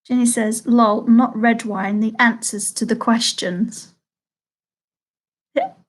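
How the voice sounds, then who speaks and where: A woman runs a live quiz stream from her home, and her voice sits a little on the high side. She chats easily between questions, then reads each one slowly and repeats it for the players. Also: fairly even intonation. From Salford, England. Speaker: quiz host.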